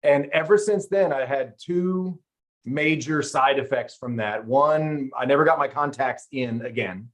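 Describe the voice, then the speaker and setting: Here a middle-aged man speaks at a measured pace in a mid-range voice. As a podcast host in a casual interview chat, he tends to ramble into playful tales.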